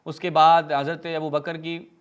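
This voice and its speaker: Sarcastic preacher, a man with a slightly high voice, reading texts with mocking asides. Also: level tone, clean tone, muffled recording. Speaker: religious speaker. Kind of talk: polemical lecture reading from books.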